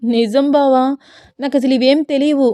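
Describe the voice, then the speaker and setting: A woman's voice: high-pitched, steady tone, normal speed, dark tone, no echo, studio quality, pitched above the performer's own voice, lightly acted. A woman doing a shy, coy young bride. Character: shy, nervous young newlywed wife.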